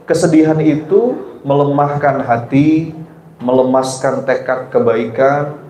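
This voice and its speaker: A man preaching a conversational sermon, often turning to the women listening with questions, and going soft and slow in his reflective passages. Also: mid-range voice. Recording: roomy hall with faint ambience.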